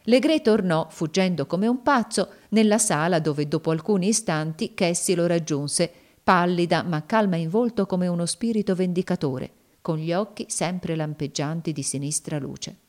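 Woman narrating in a low, measured voice. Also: darkish tone. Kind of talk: audiobook narration of a classic novel.

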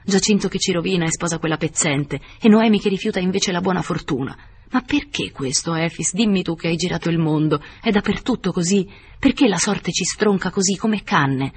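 A man's voice: fairly high pitch, animated, fast talker, few pauses, a little mellow, a little hiss or hum, close to an everyday voice. A man reading the lines of an anxious older noblewoman in an audiobook, speaking in a pleading, questioning way.

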